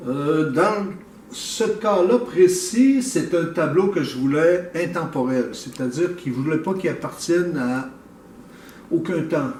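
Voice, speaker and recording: Mellow man, distant mic. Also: on the high side, a little hiss or hum. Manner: thoughtful, hesitant, many fillers and restarts. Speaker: painter, interview guest. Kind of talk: casual explanation. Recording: echoey room, mic at a distance.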